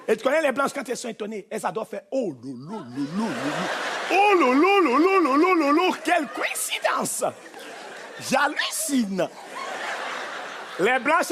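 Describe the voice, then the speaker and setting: A man with a Cameroonian French accent performing stand-up comedy on a theatre stage, animated and punchy, mimicking voices. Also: very high-pitched. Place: theatre stage with live audience. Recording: live show with faint crowd and noise. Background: audience laughter.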